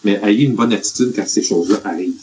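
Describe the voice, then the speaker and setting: A man's voice: fairly low pitch, quick pace, a little mellow, poor audio. A man with a Quebec French accent, earnestly giving rambling life advice in a casual group chat. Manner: earnest, rambling with many fillers.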